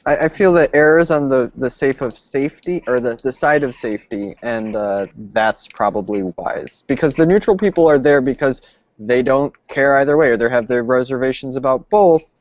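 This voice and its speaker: A man's voice: mid-range voice, moderate pace, dry recording. A man giving his opinion in an online team meeting, in a hedging, casual way that corrects itself. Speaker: team member. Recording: muffled call audio.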